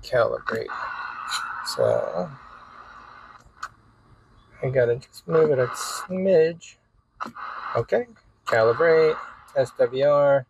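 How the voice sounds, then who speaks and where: A man's voice: mid-range voice, sing-song, extremely slow, pauses often, darkish tone, rough recording. A man giving a casual, hands-on demonstration as a hobbyist video host, with informal, folksy wording. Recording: clear background noise, ambient sound.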